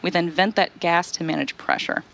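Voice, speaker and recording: A woman presenting live launch commentary as a webcast host, explaining things in a clearly enunciated presenter style. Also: lowish voice, fairly even intonation, normal speed, fairly bright tone, slight background noise.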